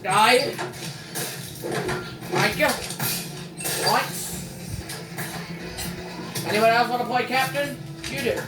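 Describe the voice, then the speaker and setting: A young player giving let's play commentary while gaming, full of excitable trash talk and shouted taunts. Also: mid-range voice, slow pace, long pauses. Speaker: gamer. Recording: roomy, distant mic, loud game music. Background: loud game music.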